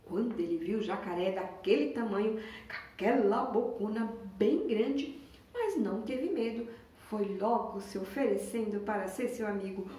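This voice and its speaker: A woman teacher with a Brazilian accent telling a story to young children, expressive and asking them questions. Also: mid-range voice, normal speed. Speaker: preschool teacher. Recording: echoey room, mic far off.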